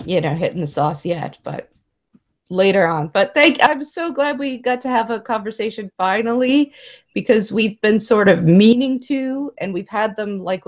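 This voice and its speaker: Woman guest, chatty and animated, laughs easily, casual conversation. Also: medium pitch.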